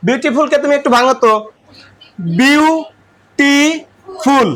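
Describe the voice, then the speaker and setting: A man's voice: very high-pitched, brisk, a bit bright. A man with a Bangladeshi accent teaching English grammar to a class, asking questions and repeating the answers.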